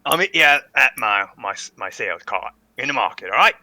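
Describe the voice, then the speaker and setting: A man's voice: mid-range voice, animated, brisk, bright, forceful tone. A man voicing a plump, flirty male halfling merchant in a tabletop game. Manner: boastful, flirtatious. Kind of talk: tabletop role-play.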